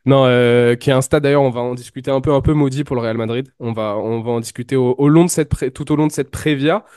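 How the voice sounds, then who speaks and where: A man's voice: mid-range voice, fairly even intonation, fast, darkish tone, smooth, no echo, studio quality. A man hosting a football preview show, talking casually with many hesitations and fillers. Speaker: host. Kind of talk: casual chat.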